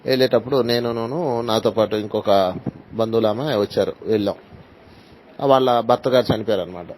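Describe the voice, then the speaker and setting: A man's voice: fairly low pitch, normal speed, a little mellow, a little hiss or hum, low-quality recording. A man teaching in a spiritual talk, telling stories and acting out the dialogue, with English phrases mixed into his speech. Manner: storytelling, acts out dialogue, mixes in English phrases.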